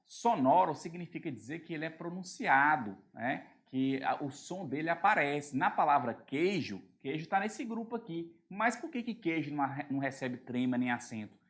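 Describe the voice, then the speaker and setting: A man's voice: on the high side, lively intonation, normal speed, few pauses, a bit bright. A man with a Brazilian Portuguese accent teaching an exam-prep grammar lesson, explaining step by step and often checking that students are following.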